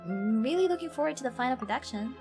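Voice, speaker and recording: Music plays behind a fast-talking, lively woman whose voice sits high. She's an Irish live streamer with a neutral, North American-sounding accent, keeping up slangy, casual chatter on a rambling, giggly gaming stream.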